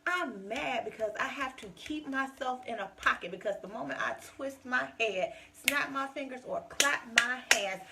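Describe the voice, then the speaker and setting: A woman's voice: mid-range voice, gravelly, bright, forceful tone, a little hiss or hum. A woman hosting her own podcast, talking straight to listeners in an emphatic, passionate way. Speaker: podcast host. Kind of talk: casual solo podcast monologue.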